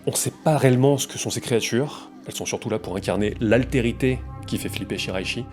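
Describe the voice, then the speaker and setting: A man's voice: medium pitch, fast, a little mellow, faint music behind. Wry, conversational man narrating. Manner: wry, conversational, with playful emphasis. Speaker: video essay host. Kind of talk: casual video essay narration.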